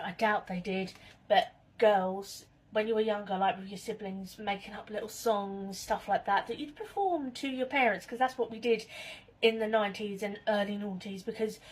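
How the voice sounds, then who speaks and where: A woman's voice: medium pitch, husky. A woman, chatting casually to camera in her home kitchen and telling spooky stories in a rambling way. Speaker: vlogger.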